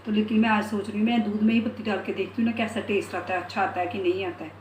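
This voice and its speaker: A woman's voice: medium pitch, steady tone, rapid-fire, a little hiss or hum. A middle-aged woman chatting casually to her phone camera at home, rambling about her day and talking to her pet. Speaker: vlogger. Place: home kitchen and bedroom. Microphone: phone in hand.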